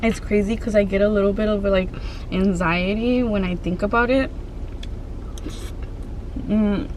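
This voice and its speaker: A woman vlogger telling a personal story to her viewers in a casual, conversational way, pausing and restarting as she goes. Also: mid-range voice, steady tone, darkish tone, a little hiss or hum, low-quality recording.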